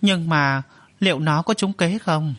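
A man's voice: on the high side, unhurried, a bit bright, dry recording. A man voicing an anxious, doting middle-aged mother in an audio story, in a pleading tone.

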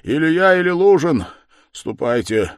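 A man's voice: lowish voice, big pitch swings, normal speed, darkish tone, no room sound, studio quality, voice pushed up. A man voicing a feverish, irritable young man who speaks curtly and strained.

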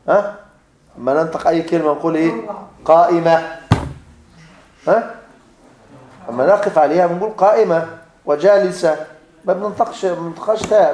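A man's voice: fairly high pitch, a little mellow. A man with an Egyptian accent teaching grammar to a class. He quizzes the students, repeats his points and makes teasing asides. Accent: Egyptian Arabic. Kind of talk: classroom lecture. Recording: echoey classroom.

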